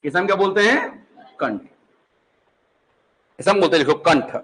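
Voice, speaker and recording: This classroom lecture comes from a patient, talkative man with a Pahari-influenced Hindi accent who often echoes his questions to students and checks their understanding. His high, fairly bright voice is animated at a normal speed, and the audio is rough.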